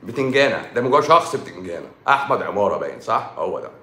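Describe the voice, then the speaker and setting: Egyptian male doctor, rapid mocking livestream rant, echoey room sound. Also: fairly low pitch, sing-song, bright, forceful tone. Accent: Egyptian Arabic. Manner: sarcastic, mocking, scolding. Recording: roomy echo.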